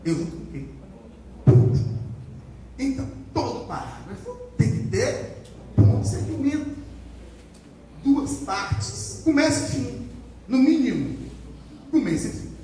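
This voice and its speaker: High-pitched Brazilian man teaching in an echoey room. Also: measured pace, pauses often, a little hiss or hum. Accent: Brazilian Portuguese. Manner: energetic, repetitive drilling with call-and-response. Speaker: writing teacher. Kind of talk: classroom lecture. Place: classroom. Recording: echoey classroom from far off.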